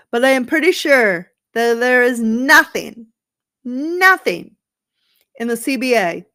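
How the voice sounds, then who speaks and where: A woman hosts her solo sports podcast after midnight. She talks at an unhurried, drawn-out pace with a sarcastic, gossipy edge, rambling from one story to the next. Now and then she breaks into a playful outburst. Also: fairly high pitch, a bit bright. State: tired, late at night. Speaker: podcast host.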